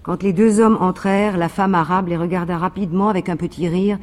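A man reading a literary novel aloud in a measured, even narration, with a long reverb behind his voice. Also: high-pitched. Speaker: reader.

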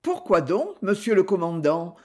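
A reader voicing a candid, probing young woman who speaks softly and earnestly in an audiobook. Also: mid-range voice, sing-song, unhurried. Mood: questioning.

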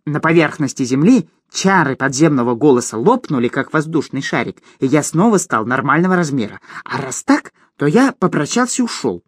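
A man voicing a cowardly, fawning little male gnome in a shrill, eager tone for an audiobook. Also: big pitch swings, a little fast, hardly any pauses, dry recording, clean studio sound. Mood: boastful. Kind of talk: audiobook character voice.

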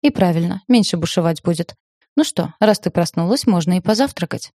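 A woman's voice: fairly low pitch, lively intonation, fairly quick, a little mellow, dry recording, clean studio sound. A woman voicing an easygoing, sensible young man who talks in a breezy, matter-of-fact way.

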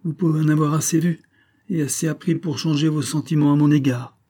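A man's voice: a little high, fairly even intonation, a little fast, dark tone, voice pushed up, close to an everyday voice. A man voicing a jealous young baronet in an audiobook, speaking intensely and earnestly.

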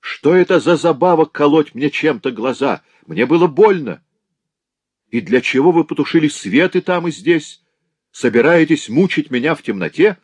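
A man reading an audiobook, voicing a blinded male villain who shouts, pleads and despairs. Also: deep voice, slow pace, long pauses, no room sound. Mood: enraged.

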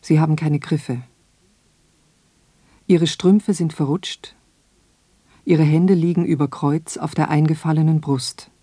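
A woman reading her own radio essay in a slow, measured, reflective way. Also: sits low, fairly even intonation, dark tone, no room sound. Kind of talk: scripted radio essay narration.

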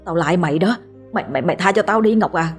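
Woman doing a crude drunk guy in a ghost story, sweary, stammery, a bit low, faint music behind. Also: very fast, natural voice. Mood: panicked. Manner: crude, stammering when scared. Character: drunken middle-aged man, crude, blustering, cowardly.

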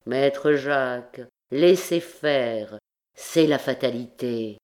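A woman voicing a haunted male archdeacon who speaks in a dark, intense, fatalistic way, in an audiobook. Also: extremely low pitch, drawn-out words, exaggerated voice. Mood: brooding.

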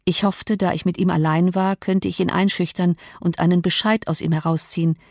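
A woman narrating a classic novel as an audiobook in a measured literary reading. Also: lowish voice, level tone, a little mellow, dry recording, studio quality. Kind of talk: scripted narration.

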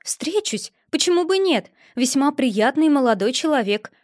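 A haughty young princess, as a woman reads her, pitched well above a plain speaking voice and quick to flare into temper. She sounds high and sharp-edged, and the recording is close and dry, with no room sound. It is an audiobook character voice. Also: very animated, dry recording. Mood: coy. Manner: sweetly innocent, then shrill and furious.

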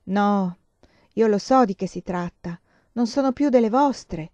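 A woman's voice: medium pitch, measured pace, dark tone, dry recording, muffled recording, natural voice. A woman voicing an intense, earnest young female student with impassioned, emphatic speech in a storybook reading.

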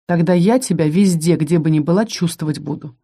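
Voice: mid-range voice, fairly quick, dark tone, husky. A reader voicing a hot-tempered, possessive young male battle mage in a fantasy audiobook, speaking with intense, demanding force.

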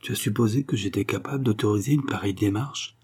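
A man's voice: on the low side, quick pace, a little mellow, slightly rough. A man reading an audiobook, voicing a passionate young woman in love with pleading, impassioned speech. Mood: reproachful.

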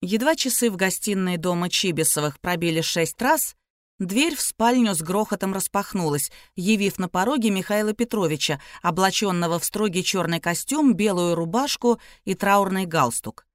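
A woman reading an audiobook in measured, even narration. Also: medium pitch, dry recording, clean studio sound. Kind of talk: scripted narration.

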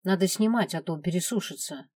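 Woman reading young guy, hearty, admiring, low mellow voice, audiobook. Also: expressive, a little fast, breathy edge, no echo, clean studio sound. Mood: matter-of-fact. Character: young man, impressed friend at a campfire.

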